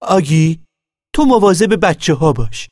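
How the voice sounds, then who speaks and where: A man voicing a bossy, excitable middle-aged farm wife who acts as a midwife, speaking loudly, commanding and coaxing. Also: mid-range voice, no echo, clean studio sound, voice pushed up, lightly acted.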